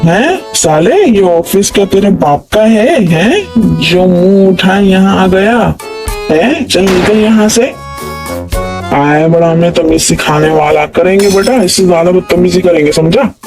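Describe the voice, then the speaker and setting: A man's voice: high voice, animated, measured pace. A man voicing a rude, arrogant male office clerk in a cartoon, taunting and bullying. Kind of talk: cartoon dialogue. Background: music.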